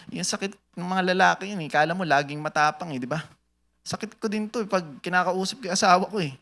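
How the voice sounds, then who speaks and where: A man's voice: fairly high pitch, a bit bright. A man giving a sermon-style talk to an audience, joking and laughing at his own jokes, quizzing listeners and mixing Tagalog with English. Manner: switches between Tagalog and English mid-sentence. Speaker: church speaker at a business talk.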